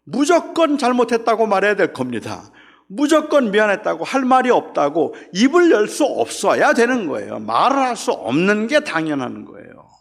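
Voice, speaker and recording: A man preaching a reflective sermon as pastor, acting out quoted dialogue and dropping suddenly soft. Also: high voice, huge pitch swings, normal speed, vocal fry.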